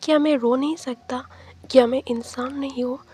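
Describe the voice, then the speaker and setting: A woman's voice: high-pitched, steady tone, normal speed, breathy edge. Woman reading as tearful teasing college guy. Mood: upset. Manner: emotional, sharp-tongued retorts. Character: young man, tearful college student, teasing.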